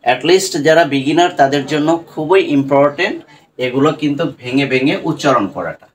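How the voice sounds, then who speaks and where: A man's voice: mid-range voice, expressive, a little fast. A man teaching English pronunciation in Bengali with a Bangladeshi accent, spelling words out letter by letter and often asking "right?" as he goes. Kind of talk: online pronunciation lesson.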